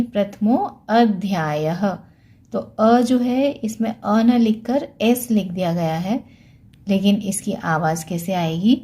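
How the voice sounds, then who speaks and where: A woman gives a Sanskrit lesson in a slow, unhurried voice with a dark, mellow tone. She sounds each word out carefully and asks little questions before answering them herself. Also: mid-range voice. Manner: slow, patient, sounds out words syllable by syllable. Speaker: Sanskrit teacher. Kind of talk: spoken pronunciation lesson.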